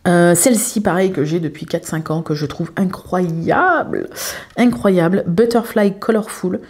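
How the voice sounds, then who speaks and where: A young woman chatting casually as a craft vlogger, showing her collection with many filler pauses. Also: lowish voice, a little mellow, husky. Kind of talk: casual show-and-tell chat.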